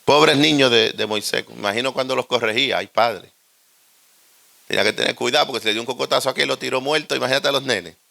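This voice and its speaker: Puerto Rican male preacher, joking, tense bright tone, gravelly. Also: mid-range voice, rapid-fire, hardly any pauses. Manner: animated, joking, conversational. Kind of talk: humorous storytelling sermon.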